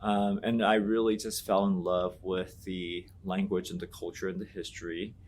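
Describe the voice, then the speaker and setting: A man with a deep, slightly mellow voice speaks at a normal pace in a level tone. He is a Latin teacher from Taiwan whose first language is Mandarin, and he gives earnest, reflective interview answers, thinking aloud with fillers and restarts.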